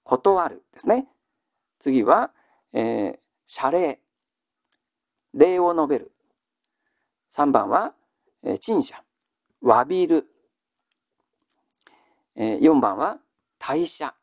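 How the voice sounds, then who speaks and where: A man leads a classical reading lesson and patiently quizzes his listeners, then repeats each answer. His voice is gravelly and his pitch moves a lot. The sound is close and dry. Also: very animated, no echo. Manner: polite, measured lecturing with frequent fillers. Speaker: teacher.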